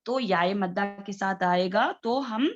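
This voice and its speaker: A woman teaching Quran recitation in an online class, patiently repeating each word slowly as an example. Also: medium pitch, muffled recording.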